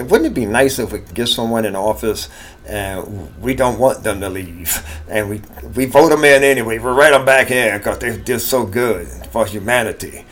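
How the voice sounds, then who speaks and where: A middle-aged American man giving a natural, unscripted monologue, rambling casually with folksy slang and repeating himself. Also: fairly low pitch. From United States. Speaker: vlog host. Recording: clearly noisy background ambience.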